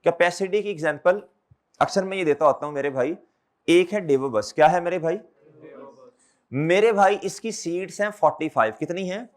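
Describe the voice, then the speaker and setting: High-voiced male accountancy teacher lecturing. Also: expressive, normal speed. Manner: repeats questions back to students; calls students brother and children. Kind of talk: classroom lecture.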